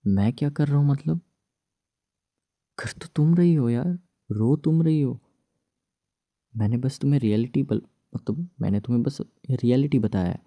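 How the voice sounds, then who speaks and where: A man voicing a young husband married to his ex, gruff but tender, in a hushed, soothing, teasing whispered role-play. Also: fairly low pitch, fairly even intonation, measured pace, pauses often, no echo, exaggerated voice.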